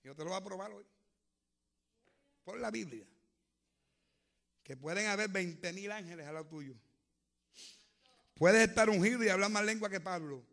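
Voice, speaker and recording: A man preaching a fervent sermon, swinging from hushed to loud. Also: high-pitched, moderate pace, creaky, long pauses.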